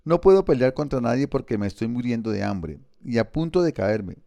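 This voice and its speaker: A man's voice: medium pitch, expressive, fairly quick, creaky, warm tone, no room sound. A man reading a storybook, voicing a hungry, beaten-up poor schoolboy with a plaintive, self-pitying manner.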